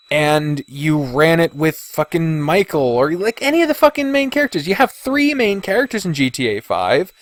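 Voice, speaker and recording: A man with a slightly high voice hosts a podcast of casual, opinionated video game commentary, recorded in studio quality with no echo. He's blunt, gripes a lot and swears frequently.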